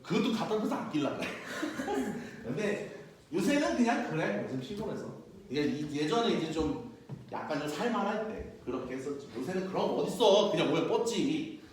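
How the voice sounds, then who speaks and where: A young male physics teacher lecturing with loud, slangy jokes and animated storytelling, recorded by a distant mic in a classroom. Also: fairly high pitch, moderate pace. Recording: very echoey room, mic far off.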